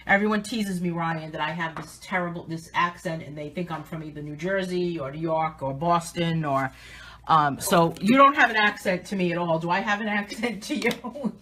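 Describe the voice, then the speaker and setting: A woman with a Southern New England accent, an artist and livestream host, chats casually while hosting a live coloring demo. Her lowish voice moves at normal speed with a sharp tone, and the recording is rough. She's chatty and upbeat, restarting often.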